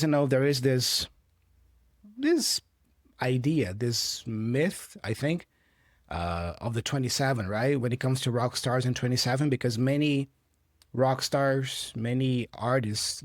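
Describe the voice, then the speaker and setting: This man teaches English, walking learners patiently through phrases from a clip and frequently checking in. A native Portuguese speaker, he has a Brazilian Portuguese accent and talks at a measured pace in a medium pitch. The audio is studio quality, with no room sound.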